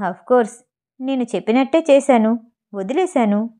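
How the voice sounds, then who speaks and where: A woman's voice: a little high, lively intonation, moderate pace, mellow, lightly acted. A woman doing a smug male assistant.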